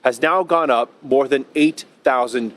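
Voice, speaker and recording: A man delivering a scripted news report in a brisk, even newsreader style. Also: mid-range voice.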